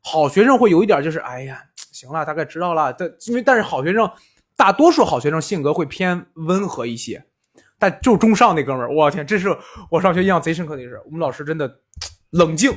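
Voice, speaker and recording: Animated, husky-voiced man telling stories. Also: fast. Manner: animated storyteller, acts out quotes with big pitch jumps. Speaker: podcast host. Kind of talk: casual chat, storytelling.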